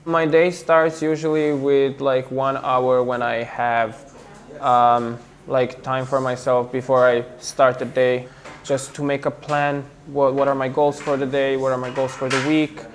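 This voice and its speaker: A young man from Serbia with a Serbian accent, talking in an interview, pausing often with fillers and restarts. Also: medium pitch, level tone. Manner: hesitant, many fillers and restarts. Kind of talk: casual interview talk.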